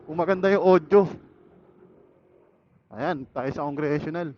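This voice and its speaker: A Filipino man vlogs casually and musingly while riding his motorcycle on a city road, speaking into a helmet intercom. His voice is on the high side and unhurried, and the recording is dull intercom audio with faint road noise.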